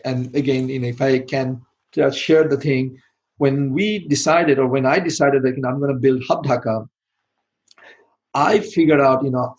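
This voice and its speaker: This middle-aged IT manager and founder from Bangladesh is a podcast guest, answering interview questions loosely and ramblingly with lots of "you know" and restarts. His medium-pitched voice is a little mellow, and the highs are cut off.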